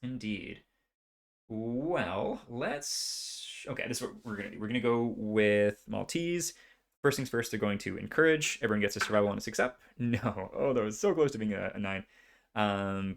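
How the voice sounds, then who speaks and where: A young man casually narrating his own turns in a solo tabletop board game, thinking aloud and counting dice as he goes. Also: on the low side.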